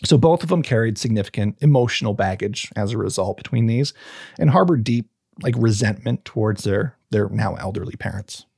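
A man with a husky, slightly breathy voice tells a true crime story in a casual podcast chat. He reads from notes, trips over words and restarts, then breaks off into loose asides. The sound is close and dry, with no room around it. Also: on the low side, lively intonation, fairly quick, a little mellow, dry recording. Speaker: podcast host telling a true crime case.

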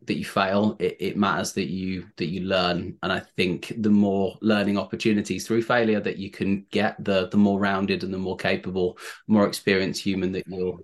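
A podcast host, a man with a fairly low voice. He responds with enthusiasm, rambling and restarting his sentences as he goes. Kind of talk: conversational podcast interview.

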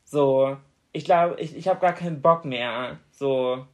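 A woman's voice: deep voice, slow. Frank, teasing woman podcast co-host. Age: late 20s. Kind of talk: casual chat.

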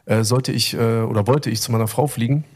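A man's voice: medium pitch, fairly even intonation, fairly quick, a little mellow, breathy edge. A middle-aged man telling a story in casual chat, rambling and emotional, with many fillers and restarts. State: recovering from illness. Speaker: podcast co-host.

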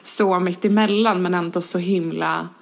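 A woman's voice: on the low side, fairly even intonation, creaky. A woman in casual chat with a friend, speaking frankly and with emphasis, swearing freely.

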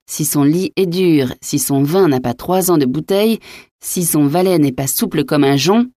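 A woman's voice: low-pitched, normal speed, mellow, dry recording, studio quality, lightly acted. A woman voicing Coconas, a hot-headed swearing nobleman. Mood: furious. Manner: blustering, swearing outbursts. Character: hot-tempered young male nobleman, quick to draw his sword. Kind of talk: audiobook reading.

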